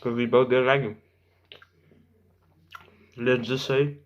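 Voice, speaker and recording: A young man telling a story casually to camera in animated slang, acting out bits of dialogue. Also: medium pitch, slow pace, lo-fi sound. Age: young adult. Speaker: vlogger. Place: small room at home.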